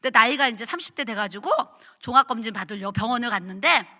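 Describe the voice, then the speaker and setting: A middle-aged woman pastor preaching at a revival, telling her own story in an animated, chatty way and acting out quotes. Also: a little high, fast talker. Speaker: pastor, guest revival speaker. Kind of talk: sermon with personal testimony. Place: church sanctuary at a revival meeting. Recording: echoey church hall.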